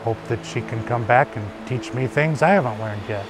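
A man's voice: medium pitch, normal speed. A man, a fly fishing coach, speaking in a plainspoken, easygoing way in an outdoor interview. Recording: distant mic with music bed.

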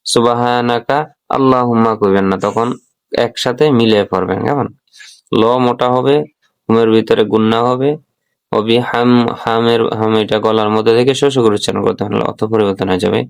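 A man teaching how to pronounce a prayer, repeating each phrase slowly for learners. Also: mid-range voice, fairly even intonation, creaky, clear, resonant tone, no room sound. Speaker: religious teacher. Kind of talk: recitation lesson.

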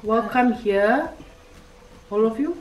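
Playful woman, co-host, lively intonation, echoey room. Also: fairly high pitch, takes it slowly. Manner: playful, joking, laughs often. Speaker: co-host, sister. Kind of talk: casual language game chat. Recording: echoey room, far from the mic, faint noise.

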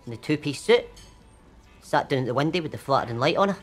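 An actor playing a cheeky, gormless, defensive boyfriend with a broad Scottish accent in a sitcom. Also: male voice, a little high, expressive, quick pace, faint music behind, lightly acted. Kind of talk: sitcom dialogue.

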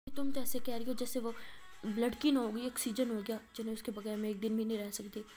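A high, shrill young college girl who scolds her friends in frantic bursts, as a woman storyteller puts her on. Her pitch jumps well above the teller's own voice, yet the tone stays soft and mellow. It sounds like a storybook telling by one reader. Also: little pitch movement, a little fast, soft background music, lightly acted. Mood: exasperated.

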